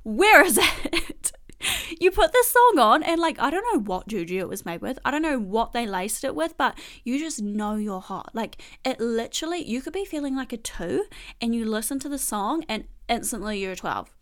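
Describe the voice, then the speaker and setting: A young woman, her voice sitting a little high, chats through a casual song countdown. She talks in an animated, slangy, gushing way. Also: fairly quick. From New Zealand. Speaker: host.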